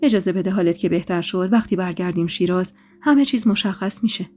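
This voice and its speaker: A woman voicing a calm, loving young husband who talks gently and reassuringly to his wife. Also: fairly low pitch, faint music behind, close to an everyday voice. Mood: soothing.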